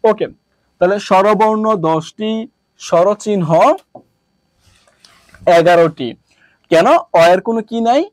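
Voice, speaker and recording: A man from Bangladesh teaching a classroom lesson, asking questions and answering them himself in a lower voice, drilling through repetition. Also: slow pace, pauses often, no room sound.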